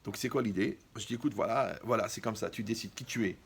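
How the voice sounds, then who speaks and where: A man's voice: fairly low pitch, fast, vocal fry, husky. A man performing a stand-up comedy monologue, acting out dialogues with mocking asides.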